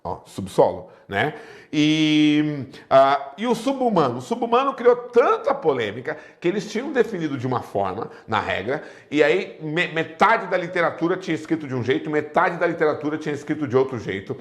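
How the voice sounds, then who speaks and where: Brazilian guy teaching grammar for exams, kinda high voice, bouncy, keeps going "right, folks?". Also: normal speed. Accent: Brazilian Portuguese. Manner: lively explanatory, asks rhetorical questions. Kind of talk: exam-prep grammar lesson.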